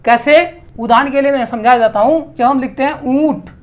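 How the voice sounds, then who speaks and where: A man teaching a grammar lesson, slowly spelling out and repeating each vowel sound. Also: very high voice.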